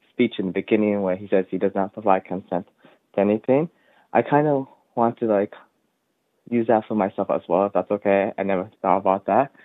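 A man's voice: lowish voice, no echo. A man calling in over a conference call to give public comment at a board meeting, hesitant and full of ums and likes. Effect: conference call audio. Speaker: member of the public making a deputation. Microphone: remote call-in. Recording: tinny dry conference call line.

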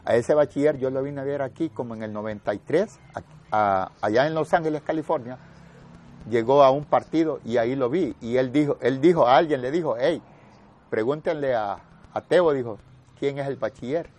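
A man in his sixties with a Salvadoran accent, an army veteran telling his story lively and acting out the voices of others. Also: medium pitch, moderate pace. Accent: Salvadoran Spanish. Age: 60s. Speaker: war veteran interviewee. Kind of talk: spoken war memoir.

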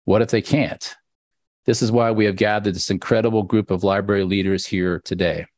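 A man co-hosting a webinar speaks into a headset with a very low, deep voice. His measured, earnest opening speech sounds close and dry, with almost no room around it, and only a few fillers slip in. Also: fairly even intonation, a little mellow, no echo. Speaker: professor, co-host. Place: indoors on video call. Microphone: headset on video call.

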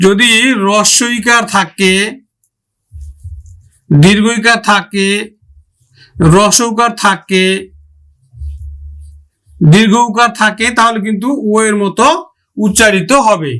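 A man's voice: sits high, fairly even intonation, slow pace, long pauses, pushed and bright, soft background music. A male teacher giving a grammar lesson, addressing students with questions and sounding out example words syllable by syllable.

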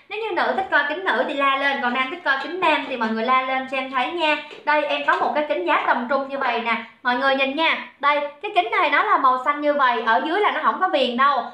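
Fast-talking high-voiced woman livestream seller. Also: sharp tone. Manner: chatty, teasing, reads viewer comments aloud. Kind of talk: live-selling chatter. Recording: echoey room, dull lo-fi sound.

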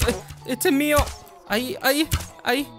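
A man doing live gameplay commentary, talking to himself, swearing, and swinging between loud outbursts and low mutters. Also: fairly even intonation, moderate pace. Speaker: gaming YouTuber. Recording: game music playing loud behind the voice.

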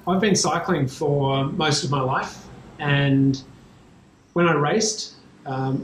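A man in his thirties with an Australian accent, talking casually to camera about cycling, relaxed and chatty with frequent ums, in a small garage with bikes. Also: mid-range voice. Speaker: cycling vlogger. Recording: echoey small room, faint ambience.

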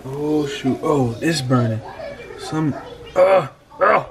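Cooking in his small home kitchen, an American amateur vlogger talks casually in a slow, animated voice that sits on the high side and carries vocal fry. He mutters and repeats himself, bewildered, while pans clatter and food sizzles around him.

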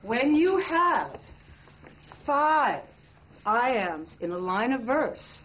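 A woman's voice: a little high, very animated, extremely slow, lo-fi sound. Upbeat woman teacher directing a class. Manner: upbeat, directive, gives clear instructions. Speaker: drama teacher. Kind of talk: leading a classroom activity.

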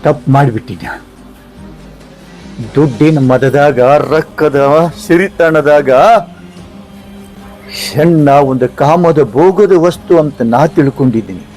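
Proud village landlord played by a man, North Karnataka accent, commanding, somewhat high voice. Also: takes it slowly, pauses often, darkish tone, soft background music. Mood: remorseful. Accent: North Karnataka Kannada. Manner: commanding, scolding. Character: rich proud village landlord, later remorseful. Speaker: lead actor. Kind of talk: village skit acting.

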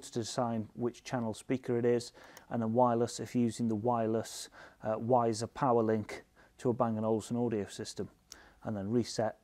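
A British man in his thirties, presenting for an audio shop, gives an enthusiastic product review narrated to camera. His voice is mid-range with a darkish tone.

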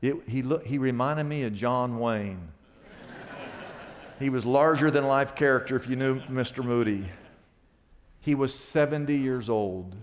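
A pastor telling a story in a sermon, animated and rising to loud excited peaks. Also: male voice, mid-range voice, unhurried, pauses often. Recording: long reverb of a large hall.

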